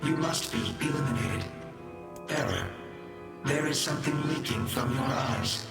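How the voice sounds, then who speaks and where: An actor playing a male military defense robot in a video game, his voice run through fuzz distortion, speaking in a clipped, flat, robotic way. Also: mid-range voice, measured pace, gravelly. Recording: echoey game audio over loud music. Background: loud game music.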